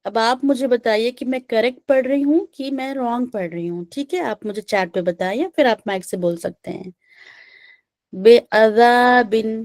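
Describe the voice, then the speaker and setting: A woman with a fairly high but mellow, dark-toned voice teaches an online recitation class over a video call. She drills each vowel sound slowly and patiently and keeps checking in with her students. The sound is dry and close. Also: dry recording. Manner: patient, repeats "theek hai" often, drills sounds slowly.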